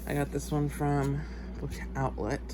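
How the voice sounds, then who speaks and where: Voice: medium pitch, completely flat delivery, measured pace, heavy background noise. A book haul vlogger from Texas with a congested, sniffly voice, chatting casually and rambling into asides and self-corrections. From Texas, United States. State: sniffly, stuffed-up nose. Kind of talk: casual chat.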